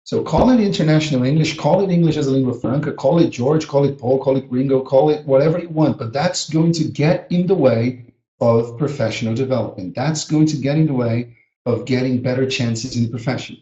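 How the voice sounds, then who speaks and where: Echoey and lo-fi, the recording captures a Brazilian teacher educator, native in Portuguese, drilling vocabulary with earnest emphasis in a live webinar. His mid-range voice is fairly quick and mellow, and a small child pipes up now and then.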